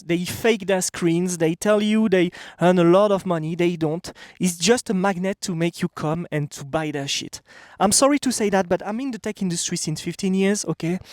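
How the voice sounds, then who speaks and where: A French vlogger in his thirties gives a casual motivational talk to camera outdoors, speaking bluntly and emphatically and repeating "okay?" often. His voice is high for a man, with a darkish tone, recorded close and dry with no echo.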